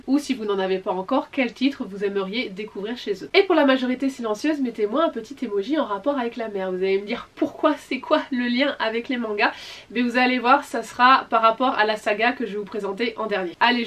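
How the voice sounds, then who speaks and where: A young adult woman chatting casually in an unboxing vlog, enthusiastic and quick to apologize. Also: on the high side, distant mic. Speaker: manga vlogger.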